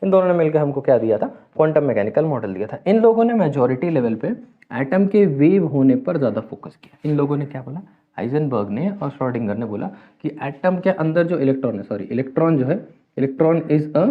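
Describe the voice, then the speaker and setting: A man's voice: a little high, lively intonation, moderate pace. Male teacher lecturing on chemistry, explains step by step, mixes in English terms; narrow lo-fi sound. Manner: explains step by step, asks and answers own questions. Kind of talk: classroom lecture. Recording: tinny phone-like sound.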